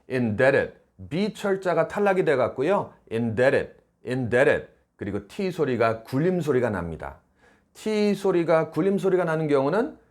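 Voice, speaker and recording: A man teaching English phrases on video, saying each phrase slowly and clearly as he explains it. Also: medium pitch. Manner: lively, drawn-out demonstration of each phrase.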